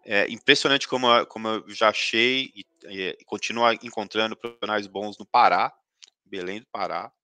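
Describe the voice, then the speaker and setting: A man's voice: fairly low pitch, normal speed, sharp tone, clear, resonant tone, no echo. A man speaking as a guest in a live interview, thoughtful and full of hesitations. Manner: thoughtful, many hesitations and restarts. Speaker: guest expert.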